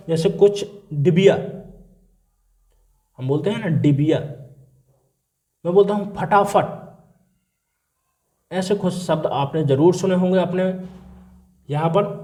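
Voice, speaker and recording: A man's voice: a little high, warm tone. A man teaching an exam-prep grammar lesson, explaining step by step and answering his own questions.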